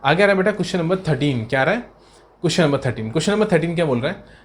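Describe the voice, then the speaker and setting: A man gives an exam revision lecture, addressing students as beta and sahab. He is a lively teacher who poses questions and answers them himself, reads English question text slowly word by word, and voices imagined student replies in a lower, softer tone.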